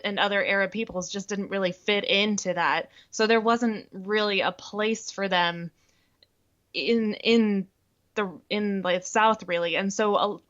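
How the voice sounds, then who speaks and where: A woman co-hosts a history discussion, her mid-pitched voice coming through muffled and lo-fi. She speaks earnestly, pausing and restarting as she works through her points. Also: fairly bright tone. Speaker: podcast co-host.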